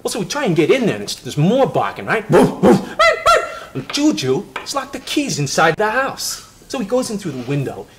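A man's voice: high-pitched, brisk, few pauses, heavy background noise. A man playing a foul-mouthed scheming storyteller. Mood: excited. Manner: profane, animated storyteller. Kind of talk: indie film dialogue.

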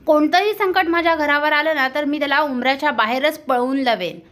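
A woman's voice: high voice, brisk, a bit bright. Woman reading as a stern young wife. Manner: stern, lecturing. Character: firm young married woman, protective of her home.

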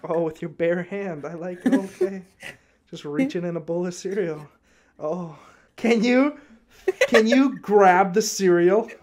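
A man's voice: high voice, unhurried, darkish tone. Crude, joking man on a video call. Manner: crude, joking, laughs often. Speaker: host chatting with strangers. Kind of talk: casual chat.

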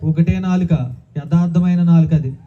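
A man's voice: fairly high pitch, steady tone, normal speed. A man preaching a sermon as pastor, calling out hallelujah often and asking the congregation questions. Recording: tinny phone-like sound.

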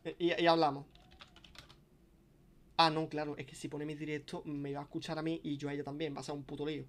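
A young man streams and chats on and on. His voice sits somewhat high for a man, and his sentences restart often and carry casual swearing. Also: flat delivery, fast, a little hiss or hum. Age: young adult. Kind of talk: casual live-stream chat.

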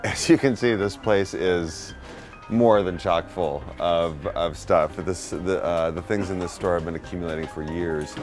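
A man with a very deep voice hosts an on-location tour, narrating and chatting with an enthusiastic, admiring manner. He lingers on words he likes. Music plays clearly beneath his voice. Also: unhurried. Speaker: on-location host for a furniture brand. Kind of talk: presenter narration and on-site chat. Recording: music playing underneath.

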